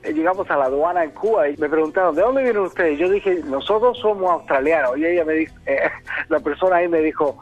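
A man's voice: a little high, fast talker, dull audio, faint music behind. A man from Chile with a Caribbean, Cuban-sounding Spanish accent, telling anecdotes casually as a musician guest in a radio interview.

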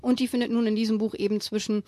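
A woman in a studio podcast talking about children's books and reading from them aloud with animated storytelling. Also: a little high, quick pace, dry recording. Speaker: children's book guest. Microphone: close studio mic.

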